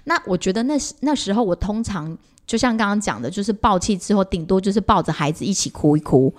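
Speaking fast in a mid-range voice, this podcast co-host and mother chats casually about her family. She's animated, restarting sentences and dropping in plenty of fillers.

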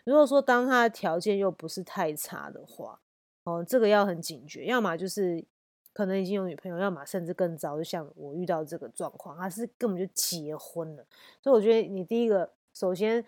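A woman, telling a personal story in a casual podcast chat, blunt and lively. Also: lowish voice, brisk, no room sound, studio quality. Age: 30s. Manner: blunt and animated, acts out heated phone quarrels. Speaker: podcast host.

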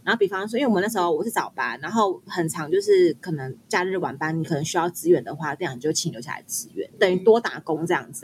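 A woman's voice: lowish voice, slight background noise. A young woman with a Taiwanese Mandarin accent, telling dating stories in casual chat and acting out the lines. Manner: rapid, animated storytelling with quoted dialogue. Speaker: guest storyteller.

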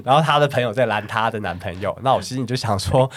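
A man's voice: medium pitch, quick pace. A man with a Taiwanese Mandarin accent telling a story in casual chat, acting out the dialogue and breaking into laughter. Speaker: bar staff and podcast host.

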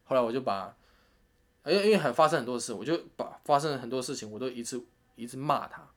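A man's voice: mid-range voice, quick pace. A man, telling a story in a casual chat and acting out what people said. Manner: animated retelling with quoted voices and laughs.

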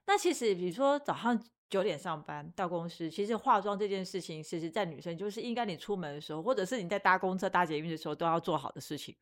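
A woman's voice: lowish voice, lively intonation. A young woman, co-hosting a podcast in agreeable, chatty conversation. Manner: agreeable, chatty, quick to affirm. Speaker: podcast co-host. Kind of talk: casual chat.

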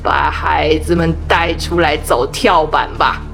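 A woman voicing a gruff, cruel male pirate captain in a storybook reading, with soft music behind. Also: low voice, fairly even intonation, a little slow, voice pushed down, exaggerated voice. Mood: commanding. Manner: gruff, commanding.

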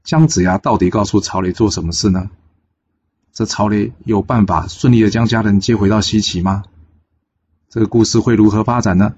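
A man telling a classic tale in a relaxed, chatty way, with frequent fillers. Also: lowish voice, brisk, slightly rough, muffled recording. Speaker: storyteller. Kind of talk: storybook narration.

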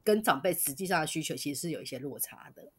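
A woman with a Taiwanese Mandarin accent hosting a podcast in a casual chat, lively and agreeable, often chiming in with quick agreement. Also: low voice, breathy edge. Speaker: podcast host.

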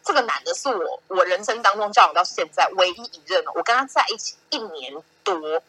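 A woman's voice: mid-range voice, fairly quick, slightly rough, poor audio. A young woman with a Taiwanese Mandarin accent, hosting a casual podcast chat and telling stories animatedly, acting out what people said. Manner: animated storytelling, acting out quoted lines, laughing often. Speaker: podcast host.

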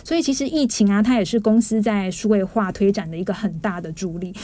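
A woman's voice: mid-range voice, fast talker, dark tone, no room sound. A woman guest from human resources answering interview questions in an upbeat, explanatory way, with a Taiwanese Mandarin accent. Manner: upbeat, explanatory, mild fillers. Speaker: HR staff guest.

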